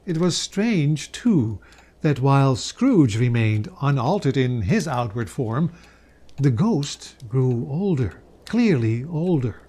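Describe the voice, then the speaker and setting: Male narrator for literary fiction, mid-pitched, unhurried, deliberate dramatic phrasing with theatrical pauses. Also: very animated, mellow, slightly rough. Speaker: narrator, reader.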